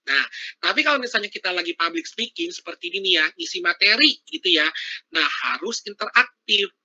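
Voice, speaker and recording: A man's voice: sits high, lively intonation, a little fast, sharp tone, lo-fi sound. A man giving a casual, interactive workshop talk over a video call. He chats freely and keeps asking his audience questions. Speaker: workshop speaker.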